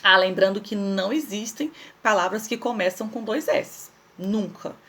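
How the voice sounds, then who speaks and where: A primary school teacher with a mid-range, slightly bright voice records a lesson for young children. She patiently explains slowly, spells out words, and poses questions that she then answers herself.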